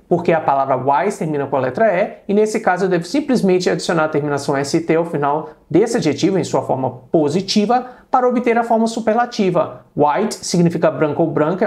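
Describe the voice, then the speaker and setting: A man with a Brazilian Portuguese accent gives a patient English grammar lesson. He repeats points, asks rhetorical questions and slowly sounds out the English examples. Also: high voice, a little mellow. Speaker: English teacher.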